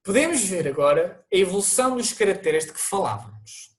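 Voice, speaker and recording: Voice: medium pitch, very animated, fairly quick. A teacher with a European Portuguese accent, narrating an online language lesson and explaining things to viewers, with the odd restart.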